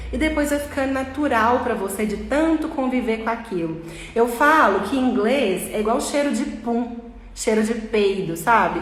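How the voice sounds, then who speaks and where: A woman in her thirties with a Bahian Brazilian accent, giving a casual, jokey English lesson and repeating sounds to model pronunciation, recorded in an echoey room. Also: a little high. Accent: Bahian Brazilian Portuguese. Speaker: English teacher. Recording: echoey room with long reverb.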